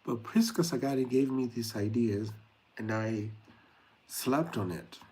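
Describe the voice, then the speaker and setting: With a warm, medium-pitched voice and a measured pace, a young man from Kenya talks straight to viewers on his late-night YouTube livestream. The chat is casual and peppered with fillers.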